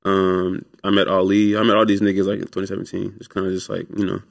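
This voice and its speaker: A young man with a lowish voice tells stories in an easygoing, rambling way, full of fillers and loose asides. He talks as a producer guest in a relaxed sit-down interview. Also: fast, gravelly, dry recording, clean studio sound. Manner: laid-back, rambling with many fillers. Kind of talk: casual storytelling interview.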